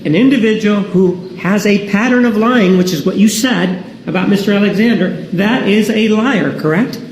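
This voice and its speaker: A man's voice: high-pitched, moderate pace. A man cross-examining a witness as prosecutor in a courtroom recording, pressing hard and demanding yes-or-no answers. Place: large echoey courtroom. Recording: echoey courtroom recording with faint noise.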